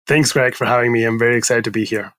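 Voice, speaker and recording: A man from Spain, a startup founder guest, explaining his product in a brisk conversational podcast interview. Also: mid-range voice, fairly even intonation, a bit bright, dry recording.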